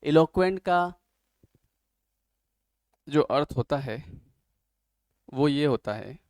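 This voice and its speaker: A man teaching an English vocabulary class, teasing his students and reading definitions out slowly. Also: on the high side, lively intonation, a little mellow, no room sound. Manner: joking, teasing students between word lists. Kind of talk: online class lecture.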